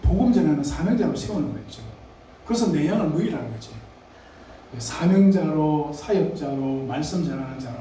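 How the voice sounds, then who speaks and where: A man's voice: a little high, expressive, normal speed, warm tone, slight background noise. A male pastor preaching a sermon in a conversational way, putting questions to the congregation. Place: church sanctuary. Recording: echoey church hall, mic at a distance.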